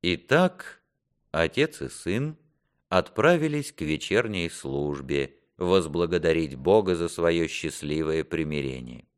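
Deep-voiced male audiobook narrator. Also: lively intonation, a little slow, clean tone. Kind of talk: scripted narration of a historical novel.

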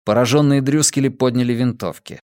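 A man reading a dramatic audiobook in a steady, measured narrating voice. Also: medium pitch, no echo, clean studio sound. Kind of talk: scripted narration.

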